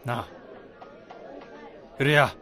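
In a Japanese radio drama, a male actor with a medium-pitched voice plays a kind-hearted, forgiving young best friend. He speaks earnestly and expressively, drawing out his words in a gentle, reflective mood, with some chatter audible behind him.

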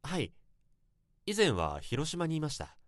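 An actor plays an earnest 32-year-old salaryman in a Japanese radio drama, politely and reflectively reminiscing about a bittersweet youthful love in a literary style. His slightly high voice swoops wildly in pitch and moves a little slowly. The recording is studio quality with no echo.

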